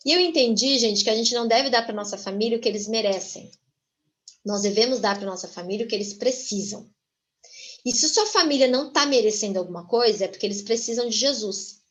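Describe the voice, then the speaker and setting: Woman, Brazilian Portuguese accent, church testimony, animated storytelling, somewhat high voice, muffled lo-fi recording. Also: brisk. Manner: lively, animated storytelling, often calls out to the audience. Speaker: guest speaker giving a testimony.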